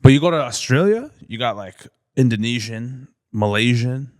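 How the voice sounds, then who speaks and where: A man's voice: medium pitch, expressive, moderate pace, dry recording. Brief: young man from Canada, loose rambling podcast guest, dry close sound. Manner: rambling, many fillers and restarts. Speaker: comedian guest. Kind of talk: casual podcast chat.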